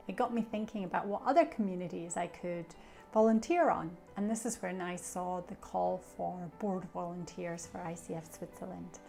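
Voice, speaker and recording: Her voice is fairly low, creaky and darkish in tone. This Scottish woman in middle age, a coach and association treasurer, talks about herself and shares coaching advice in a reflective manner, using fillers.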